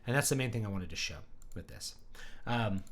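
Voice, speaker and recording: A man's voice: on the low side, animated, a little fast, a bit bright. A man giving a casual live-stream writing lesson, thinking aloud and stating his opinions plainly.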